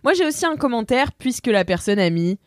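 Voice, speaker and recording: A woman's voice: fairly high pitch, sing-song, a little fast, no echo, studio quality. Upbeat woman podcast co-host. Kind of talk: casual podcast chat.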